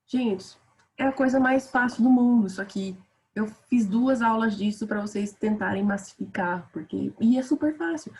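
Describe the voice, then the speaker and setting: A woman's voice: fairly high pitch, darkish tone. A woman teacher with a Brazilian Portuguese accent, giving a casual, chatty grammar lesson and calling her students "gente".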